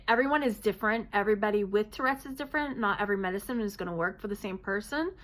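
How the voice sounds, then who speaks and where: A woman's voice: medium pitch, a bit bright. A woman vlogger talking casually to the camera, explaining things plainly with many hesitant fillers.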